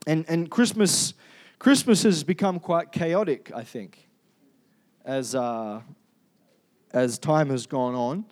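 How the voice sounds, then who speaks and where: A man with an Australian accent gives a chatty, conversational sermon, putting questions to the congregation and often restarting his sentences amid plenty of fillers. His voice sits a little high with a darkish tone, and he speaks slowly with long pauses.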